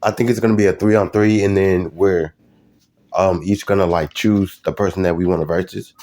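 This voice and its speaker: A young man chats loosely with his live-stream viewers, his voice sitting very low. He rambles and hesitates, circling back through fillers and restarts as he goes. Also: steady tone, moderate pace, mellow.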